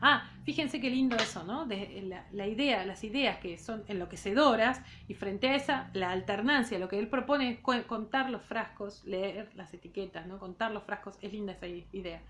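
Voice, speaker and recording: A woman with an Argentine accent, a literature teacher, reading a novel aloud in class and pausing to comment on it casually. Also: mid-range voice, fairly bright tone, a little hiss or hum. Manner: reads in second person, breaks off for casual remarks.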